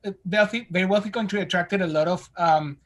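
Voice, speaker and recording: In a relaxed interview over video call from his home study, a Spanish-born man in his fifties tells stories as a guest. His voice is high-pitched and brisk, and he narrates with animation, gesturing widely.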